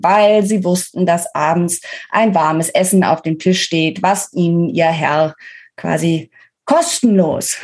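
With a fairly low, slightly mellow voice, this woman explains things articulately while leaning on key words. She's a book author being interviewed as a guest on a podcast.

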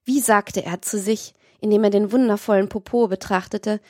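A woman narrating a classic novel as an audiobook in a measured, literary manner. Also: mid-range voice, fairly even intonation, warm tone, dry recording, studio quality.

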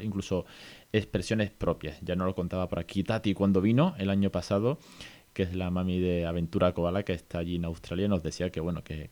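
A man's voice: deep voice, darkish tone. A man hosting a casual podcast lesson, chatty and informal, laughing often. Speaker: host teaching English.

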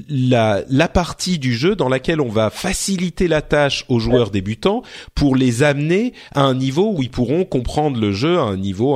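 A man working as an interviewer in a casual conversational style, phrasing things in a tentative, roundabout way. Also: medium pitch.

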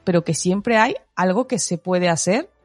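A woman with a slightly low voice chats casually about raising her children. She acts out the lines of the people in her stories with animated energy. The sound is dry and close, with faint music in the background. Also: normal speed, dry recording. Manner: animated storyteller, acts out quotes with laughter. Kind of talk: casual parenting chat.

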